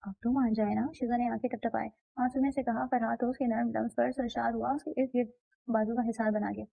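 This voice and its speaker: A woman narrating a romance novel aloud with steady storytelling. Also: on the high side, a little fast, creaky, dry recording. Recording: dull, slightly muffled dry recording.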